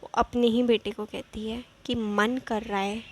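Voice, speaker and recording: A young woman telling a real-life ghost story in a chatty, animated way, with frequent asides. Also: fairly high pitch, a little slow, a little hiss or hum. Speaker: vlogger. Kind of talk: casual storytelling.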